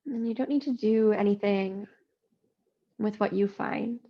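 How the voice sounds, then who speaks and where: A woman yoga teacher leading a slow guided practice, soothing and unhurried with long pauses. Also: medium pitch, fairly even intonation, muffled recording.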